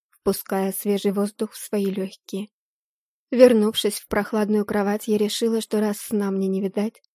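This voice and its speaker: A woman tells a first-person fantasy tale in an expressive, steady storytelling voice. Her pitch sits in the middle range. The recording is dry and close, with no room sound. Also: no room sound. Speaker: audiobook narrator.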